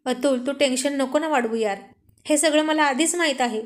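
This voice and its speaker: A woman's voice: high-pitched, normal speed, natural voice. A woman voicing a jealous, hot-tempered young husband. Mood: irritated. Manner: irritable, blustering.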